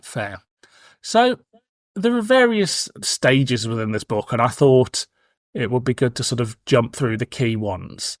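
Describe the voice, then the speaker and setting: In his forties and British-accented, a podcast host chats casually, cheekily and frankly in an animated, unhurried mid-range voice. The sound is clean studio quality with no room ambience.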